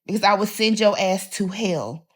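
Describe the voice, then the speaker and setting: A woman's voice: mid-range voice, normal speed. A woman ranting defiantly to camera, swearing often and making threats. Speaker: social media poster. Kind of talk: angry rant to camera.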